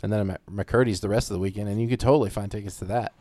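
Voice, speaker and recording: A man's voice: lowish voice, steady tone, very fast, dark tone, no room sound. Man, comedian guest, laid-back, self-deprecating, dry close sound. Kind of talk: casual podcast chat.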